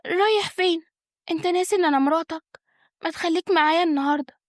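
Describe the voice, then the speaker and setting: A woman's voice: extremely high pitch, very fast, dry recording, studio quality, voice pushed up. A woman voicing a scheming young wife with an Egyptian accent, sweet-talking and coaxing. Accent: Egyptian Arabic.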